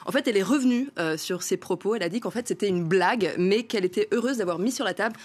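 A woman co-hosts a live news chat at a rapid clip. Her voice sits at a middle pitch, and she talks in a brisk, chatty way, often agreeing with her partner. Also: darkish tone, breathy edge. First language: French-American background. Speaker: news show co-host.

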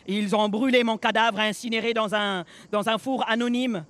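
A man's voice: sits high, fairly even intonation, fairly bright tone. An actor playing the haunted, restless ghost of a murdered man in a radio drama, speaking solemnly and telling a story in an incantatory way. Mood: pleading. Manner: slow, solemn, incantatory delivery.

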